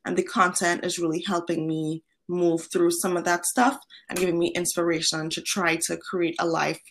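A young woman from Trinidad and Tobago, a guest on a podcast interview who talks in a friendly, animated way with frequent ums. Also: on the low side, normal speed, slight background noise. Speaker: guest, founder of an online platform.

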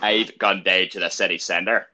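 A man's voice: low voice, fairly even intonation, moderate pace, sharp tone, heavily acted. A man putting on a Northern Irish accent to play a chatty young man with a lilting, leisurely delivery. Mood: cheerful. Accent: put-on Northern Irish.

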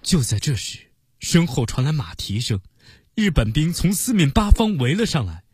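A man narrating a story for children in an expressive, animated way. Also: on the high side, moderate pace, breathy edge.

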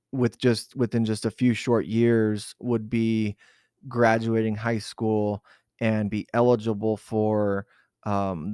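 A man's voice: on the low side, darkish tone, clean tone, dry recording, studio quality. A man from southern Arizona recalling a personal memory in an unscripted interview, hesitant and reflective, with many fillers and restarts. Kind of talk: unscripted oral-history recollection.

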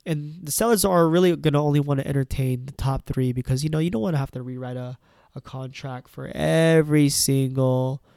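This real estate guy has a medium-pitched, fairly even voice with vocal fry and a mellow edge, and he talks a little fast, nasal from a cold. His casual advice to camera is peppered with "right?" and "you know." It's studio-quality audio without any room sound.

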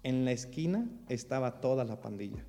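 A pastor with a Mexican accent tells a story in an animated way. He acts out the dialogue and fills his speech with fillers. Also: medium pitch, normal speed, long reverb tail, soft background music. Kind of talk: storytelling testimony.

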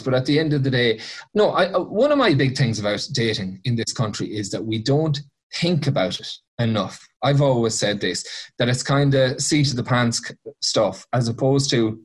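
A man's voice: medium pitch, expressive, normal speed, husky. A man with a west of Ireland accent chatting casually and giving his opinions in a colloquial, anecdotal way.

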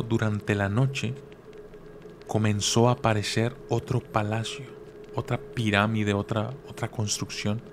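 A man's voice: fairly low pitch, a little hiss or hum. A man telling a folk legend casually, with slang asides and repeated words. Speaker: storyteller. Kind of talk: casual oral storytelling.

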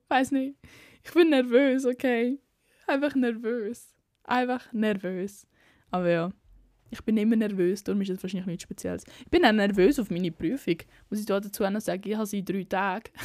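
Young woman, Swiss German accent, casual vlogger, chatty and frank, voice a bit high. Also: a little mellow, no room sound, clean studio sound. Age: young adult. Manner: chatty, slangy and candid. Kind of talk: casual chat.

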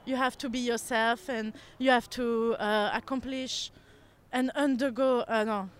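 A woman's voice: fairly high pitch, fairly even intonation, unhurried, slight background noise. A woman answering questions in a street interview outdoors in a city. She talks thoughtfully and sometimes searches for words.

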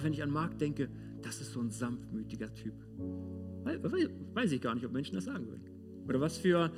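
High-voiced man preaching over guitar. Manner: talks straight to listeners with rhetorical questions; swings between loud stress and hushed softness. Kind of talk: sermon. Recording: sermon with clear guitar music underneath. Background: guitar music.

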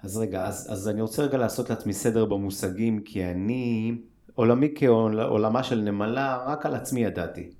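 A man's voice: lowish voice, darkish tone. A man interviewing a guest in casual chat, informal and self-deprecating, putting things in a layman's words.

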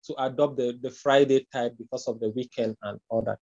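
A man from Cameroon with a Cameroonian accent, answering interview questions in a hesitant, unhurried way full of pauses and fillers. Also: mid-range voice, steady tone, a little mellow, dry recording, lo-fi sound. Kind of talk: casual conversational interview.

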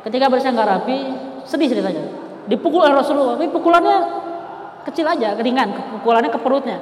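A man preaching a storytelling sermon, animated and acting out the people he quotes. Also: very high voice, fast, a little hiss or hum. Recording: echoey hall with long reverb.

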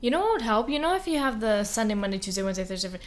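A woman's voice: medium pitch, sing-song, rapid-fire. A young woman co-hosting a podcast in casual chat, easygoing and supportive, offering practical tips. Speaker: podcast co-host.

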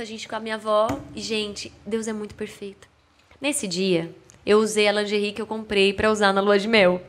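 A young Brazilian woman with a mineiro accent, a podcast guest telling a story in an animated way, laughing and acting out quotes. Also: on the high side, a little hiss or hum. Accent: Brazilian Portuguese, mineiro. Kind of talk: casual storytelling chat.

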